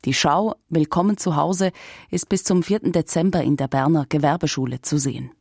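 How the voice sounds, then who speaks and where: A woman radio presenter announcing segments in a brisk news style. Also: deep voice, gravelly.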